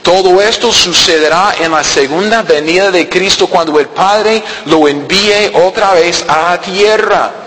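A man preaching a sermon, animated, asking the congregation rhetorical questions and answering them himself. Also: high-pitched, a little slow, few pauses. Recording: reverberant hall, faint background noise.

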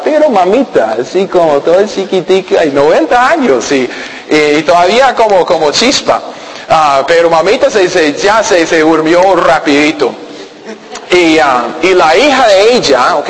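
A man, a pastor telling a story in a sermon, halting and restarting often and checking that listeners follow. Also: fairly high pitch. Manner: halting, with many repeated words and restarts; conversational, asking listeners if they follow. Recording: long reverb of a large hall.

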